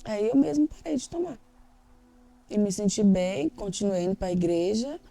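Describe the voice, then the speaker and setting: Brazilian woman, gravelly mellow voice, telling her story all emotional and candid, soft music underneath. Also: medium pitch, lively intonation, normal speed. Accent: Brazilian Portuguese. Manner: emotional, candid storytelling that acts out quoted dialogue. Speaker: interviewee. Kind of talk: personal testimony in a church documentary interview.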